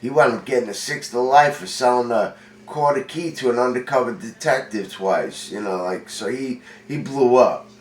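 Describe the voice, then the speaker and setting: Here a congested forty-year-old man from Long Island, New York, a vlogger, tells his own tale casually, rambling, swearing and streetwise. His voice is mid-range and moves at a moderate pace. The room has a window, and the mic sits far off, leaving a roomy sound.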